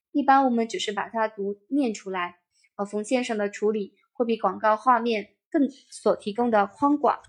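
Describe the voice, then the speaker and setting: A woman narrating a first-person memoir in a steady, even reading voice. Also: a little high.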